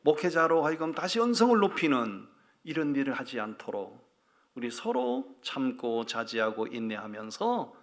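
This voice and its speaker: Male pastor, folksy and humorous, mid-pitched, preaching a sermon. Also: sing-song, moderate pace. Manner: folksy humorous storytelling, direct exhortation.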